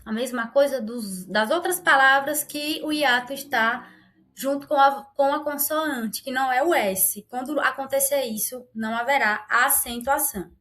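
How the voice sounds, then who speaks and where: A woman's voice: high voice, normal speed, pushed and bright. A woman teaching an online grammar lesson, explaining patiently and often checking in with her viewers.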